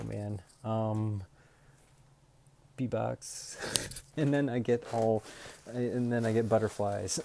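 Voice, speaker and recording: A man's voice: lowish voice, creaky, darkish tone. A man streaming live, chatting casually and thinking aloud as he works, now and then scatting a beatbox. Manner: scat-beatboxes between remarks.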